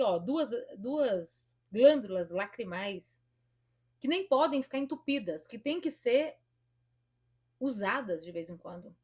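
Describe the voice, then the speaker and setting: Her mid-range, slightly mellow voice carries a Brazilian Portuguese accent as the therapist talks directly to the camera. Her advice is emphatic and demonstrative, peppered with quotes of her own inner voice.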